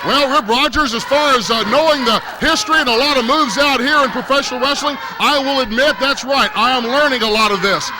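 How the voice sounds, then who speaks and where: A male wrestling announcer with a notably high voice calls the action in a folksy, halting way, full of small fillers. The arena recording carries a steady noisy hiss behind him. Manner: folksy, hesitant with frequent uh fillers. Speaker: play-by-play announcer. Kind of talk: live wrestling commentary.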